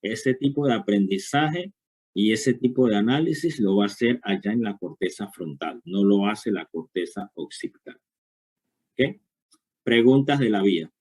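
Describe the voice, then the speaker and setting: A man's voice: on the low side, animated, moderate pace, darkish tone, husky. A man giving a university lecture, explaining step by step and checking understanding with frequent short questions.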